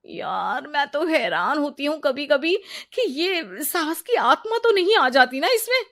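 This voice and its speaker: A woman voicing a fed-up cartoon wife, high-pitched. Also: big pitch swings, unhurried, a bit bright, exaggerated voice. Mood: complaining. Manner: complaining, theatrical. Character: fed-up young wife, complaining and dramatic. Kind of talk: cartoon voice acting.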